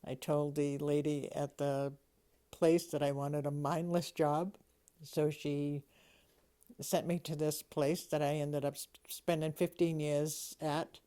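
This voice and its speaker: Woman, seventies, Boston accent. Unhurried delivery, soft-edged dark timbre. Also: low voice, flat delivery. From Massachusetts, United States. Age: 70s. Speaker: interviewee reading an accent sample. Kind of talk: read-aloud word lists and sentences, then plain interview answers.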